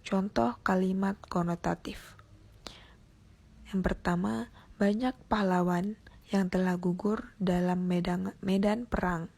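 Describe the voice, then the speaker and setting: A young woman, a university student, reading a class presentation aloud from her notes at a steady pace, with small restarts. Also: medium pitch, takes it slowly, creaky, pauses often, breathy edge. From Indonesia. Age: young adult.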